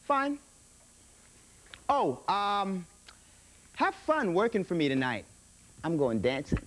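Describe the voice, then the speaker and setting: A man's voice: sits high, sing-song, slow, a bit bright, slight background noise, exaggerated voice. An actor playing a cocky young diner worker who teases his friend over a bet, in a sitcom. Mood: teasing. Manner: smug, teasing. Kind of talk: sitcom acting.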